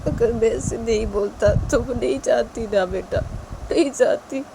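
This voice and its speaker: A woman's voice: on the high side, a little slow, creaky, slight background noise, pitched above the performer's own voice. A woman voicing an angry, anguished father. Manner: loud, repetitive, dismissive commands. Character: angry grieving father sending girl away.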